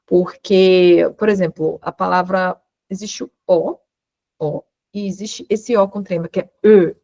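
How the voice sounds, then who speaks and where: A woman's voice: on the low side, steady tone, unhurried, mellow, no room sound, muffled recording. A woman teaching an online lesson, explaining patiently and checking in with short questions. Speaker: law teacher giving a German course.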